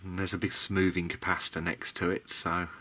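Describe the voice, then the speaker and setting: Fairly quick and level, with a sharp tone, a low-pitched male voice narrates unscripted thoughts as he works at a bench. He's musing and tentative, like a hobbyist filming a video diary. Background noise is noticeable.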